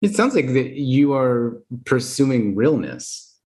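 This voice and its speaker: A man hosting an interview podcast, asking reflective, gently probing questions. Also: mid-range voice, big pitch swings, slow pace. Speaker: podcast host. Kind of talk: conversational interview.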